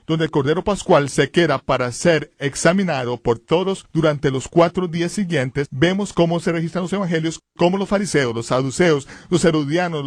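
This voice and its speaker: A man gives dramatic Bible teaching, pushing his phrases hard and rising to loud exclamations. His voice sits fairly high. He is recorded dry in a studio booth. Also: dry recording.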